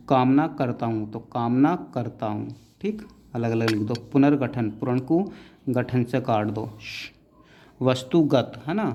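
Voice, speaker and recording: A man teaches shorthand outlines at an unhurried, deliberate pace. He says each word, breaks it into strokes and repeats it, and his pitch sits in the middle range for a man. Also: warm tone. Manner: often adds the tag "है ना" and gives short instructions. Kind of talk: dictation-style tutorial explaining outlines.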